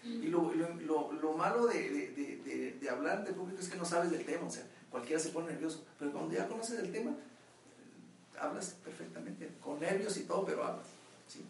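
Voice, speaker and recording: Leading a group session, a man with a Mexican accent makes emphatic points and checks that everyone understands in an instructive talk. His voice is a little high and creaky, at a normal pace. The recording is echoey, he sits far from the mic, and there is a little hiss or hum.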